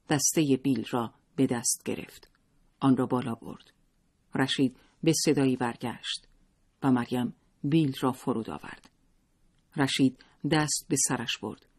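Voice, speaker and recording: Husky male audiobook narrator. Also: mid-range voice. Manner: steady, measured storytelling. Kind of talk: scripted story narration.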